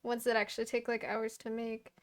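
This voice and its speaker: A woman who makes and sells handmade plushies, talking in a relaxed, rambling way in a casual chat with friends. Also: on the high side, a little fast. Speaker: crafter selling handmade plushies.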